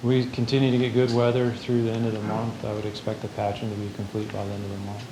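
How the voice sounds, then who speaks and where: A man giving a calm, matter-of-fact road report as a highway engineer at a public meeting. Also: quick pace. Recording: echoey noisy meeting room.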